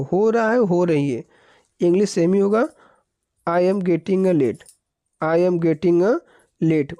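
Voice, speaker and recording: A man with a Hindi-speaking Indian accent leads a spoken-English lesson at a crawl, saying every phrase twice and switching between Hindi and English. His voice is mellow and soft-edged. The sound is dry and close, with no room around it. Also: sits high, no echo. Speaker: English teacher.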